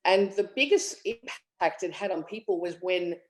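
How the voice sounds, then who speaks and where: An Australian woman in her late forties, a tech executive, joins a virtual interview as a guest. Her voice sits on the low side and is expressive, moving at a moderate pace; she chats upbeat with lots of fillers, and the recording is rough.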